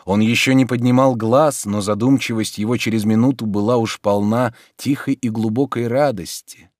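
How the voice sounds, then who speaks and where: A man reading a classic novel aloud as narrator, expressive and measured. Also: medium pitch, no room sound, clean studio sound. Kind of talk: audiobook reading.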